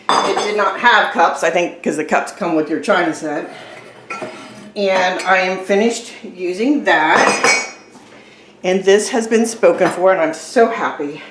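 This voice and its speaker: Slow, chatty woman in an echoey kitchen. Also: medium pitch. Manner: chatty and rambling. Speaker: vlogger. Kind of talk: casual decluttering vlog. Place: home kitchen. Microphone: camera on a tripod. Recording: echoey room with faint noise.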